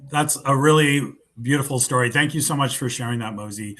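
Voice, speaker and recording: A man's voice: medium pitch, fairly quick, fairly bright tone. A man hosting an online webinar, talking in an informal, loose way with many fillers over a video call. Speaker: webinar host. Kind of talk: webinar presentation.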